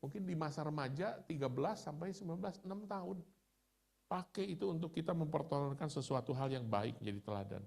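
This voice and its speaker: Middle-aged Indonesian man, chatty preacher, gravelly tone. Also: fairly high pitch, lively intonation, brisk, darkish tone. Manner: storytelling, chatty, laughs at himself. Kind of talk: conversational sermon.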